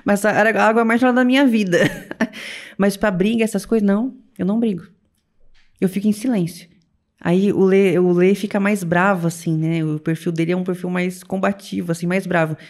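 A young adult woman chatting casually as a podcast co-host, telling stories in an animated, expressive way. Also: medium pitch. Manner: animated storytelling, quick and expressive. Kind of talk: casual chat.

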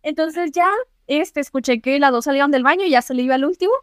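A young Mexican woman co-hosting a podcast, telling a story in casual, slangy, animated chat. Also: high-pitched, fast, dry recording, studio quality. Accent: Mexican Spanish. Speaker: podcast co-host.

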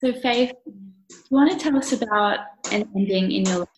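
A woman's voice: mid-range voice, normal speed, a little hiss or hum, rough recording. A woman casually interviewing a guest as host.

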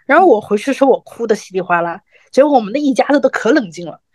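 A woman's voice: fairly high pitch, lively intonation, very fast, dry recording, clean studio sound. A woman in her thirties co-hosting a podcast, telling a personal story in a reflective, conversational way. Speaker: podcast co-host.

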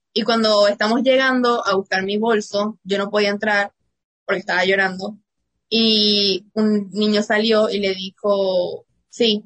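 A woman's voice: medium pitch, fairly bright tone. A young woman from Venezuela with a Venezuelan accent, a student guest telling a personal story with many fillers. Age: young adult.

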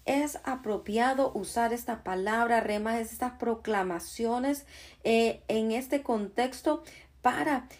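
A woman preaching a Bible lesson, pausing with many "eh" fillers and checking in with "¿sí?" as she quotes verses. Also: fairly high pitch. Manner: unhurried, many "eh" fillers and tag "¿sí?"; quotes and cites scripture verses. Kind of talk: Bible teaching.

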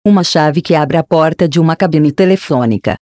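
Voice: mid-range voice, brisk, a little mellow, no echo, studio quality, close to an everyday voice. A storyteller voicing a young girl who is lost and unsure and asks timid questions.

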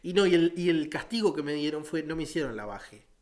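Uruguayan guy, kinda high voice, dry deadpan chat, quick little asides. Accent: Uruguayan Spanish. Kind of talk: casual dark-humored chat.

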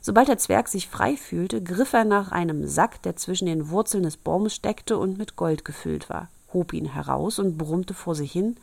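A woman reading an old fairy tale aloud in a steady, old-fashioned storybook manner. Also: fairly low pitch, normal speed, creaky, hardly any pauses, dry recording.

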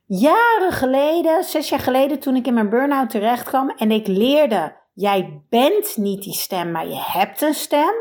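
A woman hosting a motivational podcast as a burnout coach, talking in an energetic, emphatic coaching tone. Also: high-pitched, a little slow.

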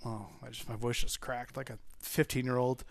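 A man's voice: medium pitch, moderate pace, creaky, no room sound. Rambling casual podcast host, man. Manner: rambling, self-interrupting, animated. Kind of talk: casual chat.

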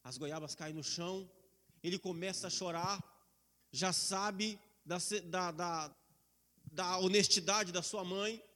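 High-voiced preacher in an echoing hall. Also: male voice, sharp tone. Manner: emphatic, slows down for scripture. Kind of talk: sermon. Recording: long hall reverb.

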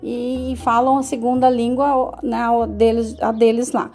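High-voiced Brazilian woman teaching. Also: flat delivery, darkish tone, soft background music. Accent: Brazilian Portuguese. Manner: repeats words slowly, frequent tag questions. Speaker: English teacher. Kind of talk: casual lesson monologue.

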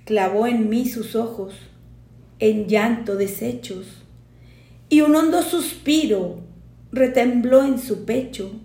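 A woman's voice: on the high side, slow pace, dark tone. A woman giving a dramatic poetry recitation with a solemn, theatrical delivery. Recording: roomy echo.

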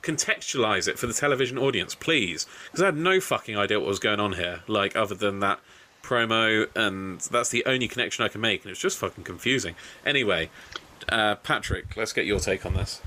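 Host, male, lowish bright voice, casual and profane, rambles through recaps. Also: animated, a little fast. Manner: swearing, rambling, frustrated asides. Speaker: podcast host. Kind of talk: casual wrestling recap chat.

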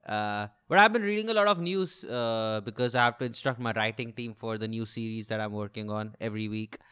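This solo comedy podcast host, a young man with an Indian accent, rambles casually with a complaining delivery, full of swearing and self-deprecation, often repeating and rephrasing what he says. His voice is fairly high, fairly bright and clean.

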